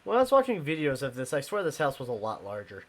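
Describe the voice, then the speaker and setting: A young man with a mid-range voice and huge pitch swings streams a ghost-hunting game live, chatting casually with his viewers, talking to chat, and laughing quickly and easily.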